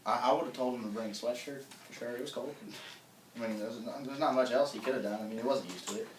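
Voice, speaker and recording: A man's voice: medium pitch, fast, close to an everyday voice. A man with a Southern accent playing a laid-back interviewee who rambles and repeats himself, recorded far off in an echoey room with noise. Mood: relaxed.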